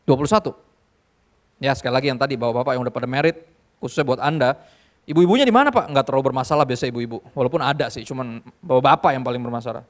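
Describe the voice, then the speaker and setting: A male youth pastor preaching to a live audience in a church hall, lively and joking, often switching into English. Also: mid-range voice, very fast. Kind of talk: sermon.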